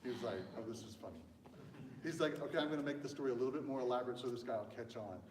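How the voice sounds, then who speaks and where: A man's voice: mid-range voice, rapid-fire, background noise. A man preaching a casual sermon, telling stories in a chatty way and joking with the congregation. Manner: chatty storyteller, acts out quotes. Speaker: pastor. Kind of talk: casual sermon with audience banter. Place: church sanctuary. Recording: echoey church hall from a distance.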